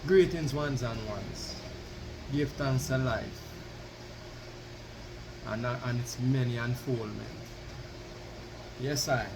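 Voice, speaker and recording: A man using Rasta speech, deliberately proclaiming a devotional address to followers with pauses and emphatic declarations. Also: mid-range voice. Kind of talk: devotional address with reading of own written piece. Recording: roomy, distant mic, constant background noise.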